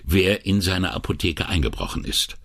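A man voicing a thoughtful senior police commissioner with a measured, authoritative way of talking. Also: deep voice, very animated, vocal fry, a bit bright, breathy edge, no echo, clean studio sound, heavily acted.

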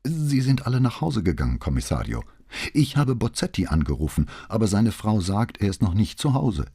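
Erzähler als junger Polizist, zaghaft, heiser, trockener Klang. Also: male voice, on the low side, big pitch swings, fairly quick, warm tone, breathy edge, dry recording, clean studio sound, voice pushed up, heavily acted. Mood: unsure, apologetic. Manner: unsure, apologetic. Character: nervous young male policeman.

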